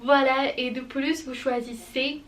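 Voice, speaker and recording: A woman talking softly, as if right in your ear, in a casual ASMR vlog. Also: high voice, fairly even intonation, unhurried, recorded from a distance. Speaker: YouTuber presenting perfumes on her channel. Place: bedroom.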